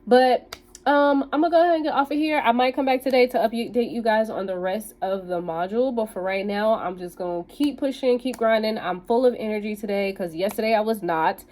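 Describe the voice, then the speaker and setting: A woman's voice: fairly high pitch, brisk, darkish tone. A woman talking casually to her viewers in a rambling vlog, full of "like" and "um". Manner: rambling, filler-heavy talk with frequent "like" and "um". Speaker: bootcamp student vlogger.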